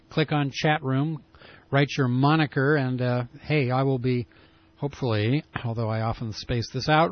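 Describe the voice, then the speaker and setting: A man hosting a pirate radio broadcast in casual, rambling talk full of fillers, with a lo-fi broadcast sound. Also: mid-range voice. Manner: rambling, loose delivery with many fillers. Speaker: radio show host.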